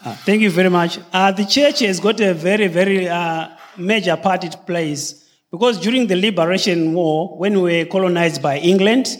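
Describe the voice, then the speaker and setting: Zimbabwe-raised man, high voice, earnest church talk, reverberant hall. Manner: earnest, chains points with "so" and "and then". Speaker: church member sharing testimony. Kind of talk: casual talk to a congregation.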